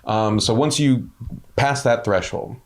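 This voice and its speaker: A man's voice: mid-range voice, measured pace. A man interviewing a guest in a casual, enthusiastic way, laughing and sometimes swearing, explaining things at length. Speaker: interviewer, host.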